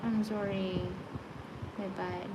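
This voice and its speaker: A woman's voice: medium pitch, flat delivery, takes it slowly, muffled recording. A woman in her thirties hosting a livestream on her phone, reading out viewer comments and chatting casually. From Philippines. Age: 30s. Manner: reads viewer comments aloud, friendly small talk. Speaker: livestream host. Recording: loud background noise.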